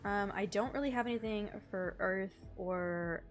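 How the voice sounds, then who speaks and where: Speaking at a medium pitch and a little slowly, a young woman streams a game and chats casually with viewers, using plenty of slang. Her voice has a slightly nasal, congested sound.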